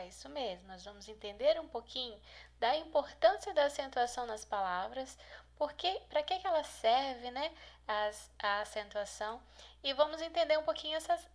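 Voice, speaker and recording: Teacher lady, kinda high voice, patient, leans hard on the stressed syllables. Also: animated. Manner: patient, explains slowly with examples, stresses syllables. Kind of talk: classroom lesson.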